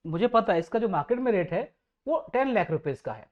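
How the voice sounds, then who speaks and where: Brief: polite young student girl, put on by a male teacher, mid pitch, slightly muffled recording. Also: animated, fairly quick, a little mellow, natural voice.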